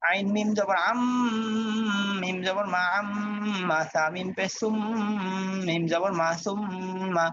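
A man teaching Quran reading, spelling out letters and vowel marks in a steady chant and then reading each whole word. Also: high-pitched, slow, pauses often, a little hiss or hum. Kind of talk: spelling-out recitation lesson. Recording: dull dry lo-fi audio.

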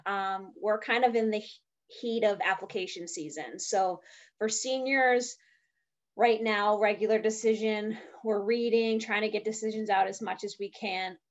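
A woman's voice: mid-range voice, a little slow. Breathless woman, lo-fi call audio. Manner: chatty, many fillers. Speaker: admissions officer. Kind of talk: virtual info session talk. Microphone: video call. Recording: dull lo-fi video call audio.

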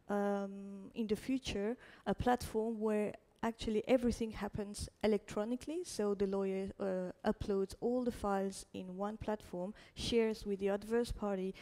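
Young woman pitching at a meetup, mellow tone, hesitant and filler-heavy, headset mic. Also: steady tone, a little slow. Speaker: startup presenter. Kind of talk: meetup presentation. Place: stage in front of a projected slide.

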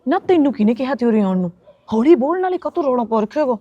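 A woman plays a young wife scolding her husband in a comic web series, with fast village chatter. Her voice is high-pitched, expressive and mellow. The recording is dry, muffled lo-fi phone audio with no room sound.

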